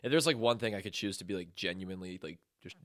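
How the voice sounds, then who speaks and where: A man's voice: low-pitched, quick pace, a bit bright, no room sound, studio quality. A young man in casual chat with friends, talking in a rambling way with lots of "like". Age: young adult. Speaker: student co-host.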